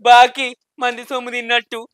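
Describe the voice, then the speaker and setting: A man's voice: extremely high pitch, monotone, fairly quick, fairly bright tone. A man, wailing and cursing in a village comedy lament.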